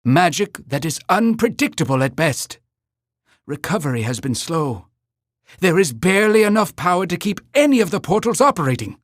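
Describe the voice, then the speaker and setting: A man's voice: fairly high pitch, very animated, moderate pace, no room sound, studio quality. A man voicing a pompous, earnest cartoon mayor in a video game, announcing in a grandiose, theatrical way. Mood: grave, regretful. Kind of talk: scripted video game narration.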